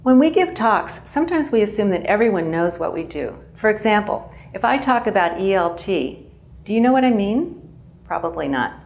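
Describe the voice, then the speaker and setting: A woman English teacher giving a clear, measured pronunciation lesson. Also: medium pitch, sing-song, darkish tone.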